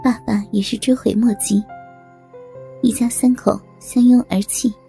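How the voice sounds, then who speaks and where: A woman's voice: on the high side, steady tone, measured pace, gravelly, warm tone, faint music behind. A woman reading a dramatic family story aloud as a storyteller. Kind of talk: scripted story narration.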